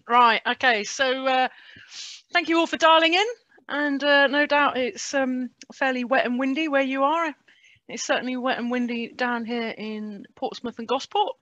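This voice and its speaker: A British woman speaks in a fairly high voice, presenting slides in an informal way. She is on a video call, with very little room sound and slightly muffled audio. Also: a bit bright, no echo. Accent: British English. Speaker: presenter, port safety officer's assistant. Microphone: video call microphone. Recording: dull, dry webinar audio.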